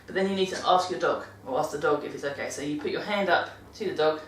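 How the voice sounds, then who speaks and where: Her voice is deep and her pace fast as this British woman chats about dog care in her monthly vlog, rambling and revising herself mid-sentence. A distant microphone gives a roomy sound with a little hiss or hum.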